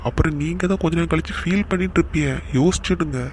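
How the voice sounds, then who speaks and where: A man's voice: fairly high pitch, fast, darkish tone, slight background noise, close to an everyday voice. A man with a Kanyakumari Tamil accent voicing a young husband in a cartoon, pleading patiently and coaxingly. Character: young husband calming his angry aunt.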